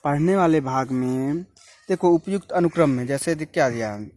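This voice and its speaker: A man, a chemistry teacher, reading out a syllabus. He works through a steady list of chemical terms and now and then corrects himself mid-word. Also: fairly high pitch, moderate pace.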